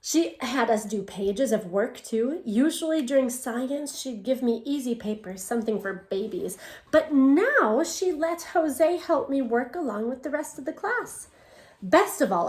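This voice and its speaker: Reading a picture book to young kids, a teacher goes through it in English and then again in Spanish, pausing to quiz the class. She sounds animated, a bit slow, somewhat high and darkish, in an echoey room.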